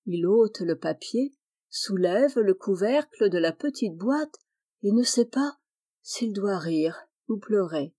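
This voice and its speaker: Mellow-voiced woman reading a children's tale. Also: mid-range voice, expressive, slow pace. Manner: gentle, lilting, lifts into voices for the animals. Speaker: audiobook reader. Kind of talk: storybook narration for children.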